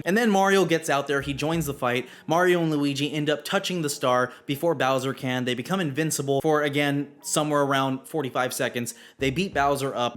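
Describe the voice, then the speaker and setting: A man's voice: medium pitch, a bit bright. Blunt, opinionated male film reviewer. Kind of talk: spoken movie review.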